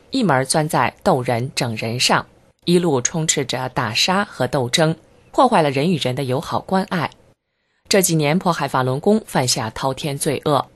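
Steady, earnest mid-pitched narrator. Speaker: reader of a first-person testimony. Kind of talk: scripted narration.

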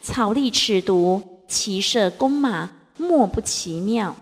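A woman recites lesson verses at a slow, deliberate pace, each phrase set apart. Her voice rings with a long hall reverb. Her pitch sits in a middling range. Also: lively intonation, breathy edge. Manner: measured, deliberate chanting of verses. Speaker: reader of classical text lessons. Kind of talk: slow scripted recitation and storytelling.

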